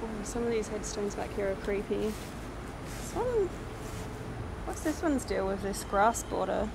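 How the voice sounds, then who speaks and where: A young woman with a gravelly, mid-range voice hosts a paranormal vlog, animated yet unhurried. She walks a cemetery at night chatting casually and reading names from headstones, and the outdoor recording is noisy.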